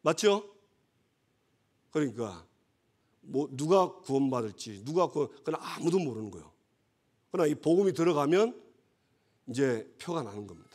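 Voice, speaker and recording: A man's voice: mid-range voice, big pitch swings, normal speed, pauses often, darkish tone, breathy edge. A male pastor gives a conversational sermon and often checks that the congregation agrees.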